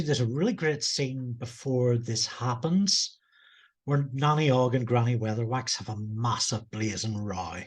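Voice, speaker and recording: Man, podcast co-host, slow pace, measured explaining, casual chat. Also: medium pitch.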